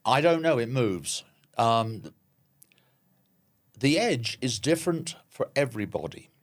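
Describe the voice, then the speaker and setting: A man's voice: mid-range voice, very animated, measured pace. A man with an English accent, a podcast guest, talking in a jokey way with hesitations and repeated words. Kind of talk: conversational interview.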